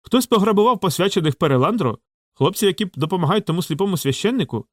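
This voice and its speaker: A man's voice: sits high, expressive, quick pace, no echo, studio quality, pitched above the performer's own voice. A man voicing a red-faced portly man who rants with indignation. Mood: indignant. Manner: ranting, indignant.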